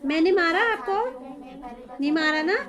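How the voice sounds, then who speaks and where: A woman's voice: very high-pitched, normal speed, dull audio, a crowd in the background. A woman tutoring a small child, talking in a coaxing way and repeating simple questions. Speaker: home tuition teacher.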